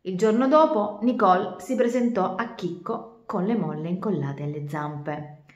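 A woman's voice: medium pitch, a little slow, lo-fi sound. A woman teacher reading a children's story aloud, with chatty asides to the children. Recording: roomy echo.

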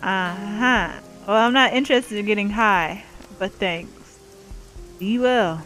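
Reading game dialogue aloud for a let's play, a female YouTuber voices the narration and every character herself, sprinkling in playful comments as she plays a role-playing game. She has a mid-range, fairly bright voice and a slow pace, with faint background music on a low-quality recording.

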